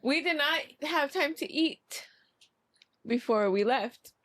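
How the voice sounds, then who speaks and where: A young woman co-hosting a podcast, telling stories in casual, animated, slangy talk with swearing. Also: high-pitched, takes it slowly. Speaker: podcast co-host. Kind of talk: casual storytelling chat.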